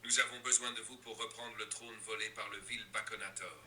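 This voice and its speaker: A man's voice from an AI assistant, narrating silly stories with lively, theatrical jumps in pitch. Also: a little fast, a little hiss or hum. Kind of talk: storytelling narration.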